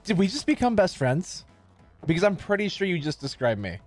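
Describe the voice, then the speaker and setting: A man reacting casually to jokes, bantering and commenting in an expressive way. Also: high-pitched, a little fast. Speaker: reacting listener in a joke session. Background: music.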